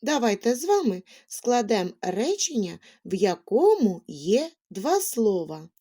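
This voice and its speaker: A woman teaching a lesson to small children, asking questions and reciting little rhymes in a drawn-out, sing-song way. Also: on the high side, very animated, warm tone, slightly rough. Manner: questioning, drawn-out words, rhyming verses. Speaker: kindergarten teacher.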